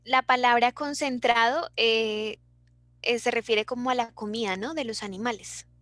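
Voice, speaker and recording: A woman's voice: a little high, fairly even intonation, normal speed, a bit bright, no echo. A young Colombian woman with a Bogotá accent, teaching an online class in a chatty way and reading out her students' answers. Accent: Bogotá Colombian Spanish.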